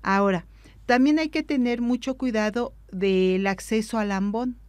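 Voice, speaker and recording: A woman explains how readers should proclaim scripture. She talks slowly and deliberately, in a somewhat high voice, and the recording is close and dry. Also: a little mellow, no room sound. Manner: measured, didactic, deliberate. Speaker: liturgy instructor. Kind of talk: instructional talk on liturgical reading.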